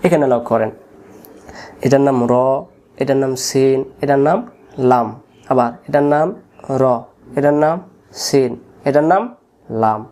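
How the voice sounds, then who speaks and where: A man with a Bangladeshi Bengali accent teaching Quran recitation, slowly repeating each letter sound for learners to copy. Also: medium pitch, mellow. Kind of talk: tajweed lesson.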